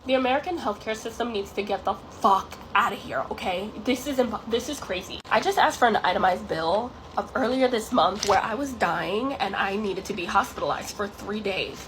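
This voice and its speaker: A woman ranting loudly in a vlog, swearing and dramatic. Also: medium pitch, moderate pace, hardly any pauses, soft background music. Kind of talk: angry vlog rant.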